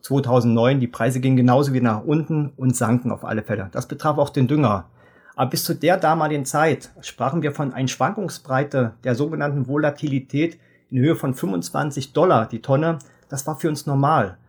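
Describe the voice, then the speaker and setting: A man in his fifties, a fertilizer sales expert, explaining market history in measured detail in a podcast interview. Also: medium pitch, darkish tone, slightly rough. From Germany. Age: 50s.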